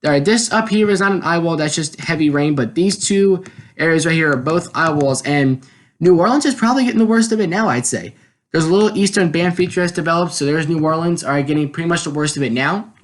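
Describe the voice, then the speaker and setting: American male weather streamer, fairly high-pitched, explanatory live commentary with frequent check-in phrases. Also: quick pace. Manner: explanatory, often repeats check words like "all right". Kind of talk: live hurricane commentary over maps and radar. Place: indoors at a computer, screen-share voice-over.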